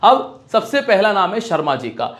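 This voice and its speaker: A man with a fairly high voice talks straight to his viewers in a loose, chatty way. He runs through scores and player stats one after another, mixing in his own opinions. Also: big pitch swings, moderate pace, fairly bright tone. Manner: chatty, direct address to viewers, rattling off stats. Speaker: fantasy cricket predictor. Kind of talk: casual cricket prediction talk.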